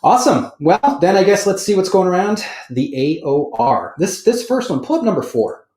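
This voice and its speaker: A man's voice: sits high, normal speed. A man hosting a podcast in casual chat, rambling and correcting himself as he goes. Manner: rambling, self-correcting, animated. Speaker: podcast host. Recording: roomy studio echo.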